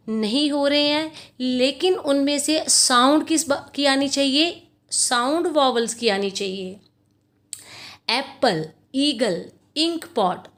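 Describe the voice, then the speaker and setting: A woman teacher with a Punjabi accent, explaining grammar slowly and patiently. She keeps asking her pupils questions and answering them herself, and she stretches out each example word sound by sound. Her voice sits a little high. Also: a bit bright. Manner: patient, calls students "beta", asks and answers her own questions; drawn-out, syllable-by-syllable spelling of example words. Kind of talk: classroom grammar lesson.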